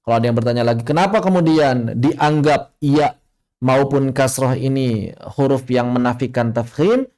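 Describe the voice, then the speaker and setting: A man teaching Quran recitation rules in an online class, calmly explaining and then slowly modeling each example. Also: mid-range voice. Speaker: tajwid teacher.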